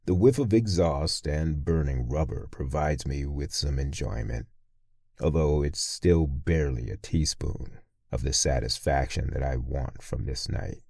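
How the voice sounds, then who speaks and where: Very deep, gravelly male horror narrator. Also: unhurried, darkish tone, dry recording, clean studio sound. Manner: brooding, menacing. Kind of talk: first-person horror story narration.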